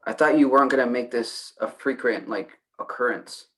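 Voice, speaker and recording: A man's voice: mid-range voice, moderate pace, fairly bright tone, natural voice. An actor playing a worried, exasperated male friend who presses with blunt questions in a stage play. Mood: pressing, worried.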